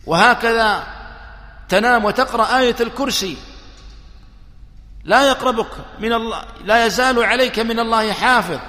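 A man preaching a religious sermon, slow and emphatic, counting his points one by one. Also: very high voice, pushed and bright. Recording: echoey hall with long reverb.

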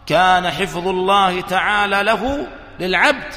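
A man preaching a religious sermon, slow and emphatic, counting his points one by one. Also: high voice, bright, forceful tone. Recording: echoey hall with long reverb.

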